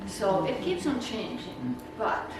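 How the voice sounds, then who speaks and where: A slow, mid-range female voice with big swings in pitch rambles through a casual slideshow for a naturalist club. She's from the Czech Republic and speaks with a Czech accent, chatting freely with frequent fillers and laughs. It was recorded in a meeting room with echo and noise, with the speaker far off.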